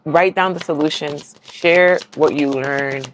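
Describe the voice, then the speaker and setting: A woman's voice: sits low, steady tone, measured pace, slight background noise. A woman giving a casual collective tarot reading to her viewers. She talks in an encouraging, affirming way, keeps checking in with "right?", and is heartfelt, close to tears at times. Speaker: tarot reader.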